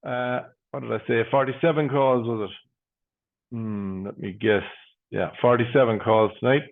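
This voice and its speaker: Irish guy doing bingo caller stuff, measured set number phrases, tinny phone sounding stream. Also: medium pitch, steady tone, vocal fry. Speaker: bingo caller hosting an online game. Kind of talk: bingo calling with paired numbers and traditional nicknames. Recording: muffled phone-like online stream audio.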